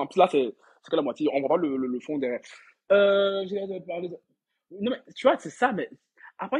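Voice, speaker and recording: Reading out comments from viewers, this gossip livestream host talks directly to his audience, rambling casually, repeating himself and laughing a lot. He has a high voice with a breathy edge.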